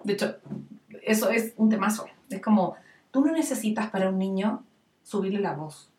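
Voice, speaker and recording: Animated Chilean woman in a roomy echo. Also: medium pitch, moderate pace. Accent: Chilean Spanish. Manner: animated, acts out scenes with lively voices. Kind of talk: casual parenting advice chat. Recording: roomy echo, distant mic.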